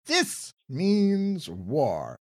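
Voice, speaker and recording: A man's voice: fairly high pitch, huge pitch swings, extremely slow, no room sound, clean studio sound, pitched above the performer's own voice, heavily acted. A man voicing a young hero who stammers while bluffing courage. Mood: determined. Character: brave kid hero, shaky but defiant.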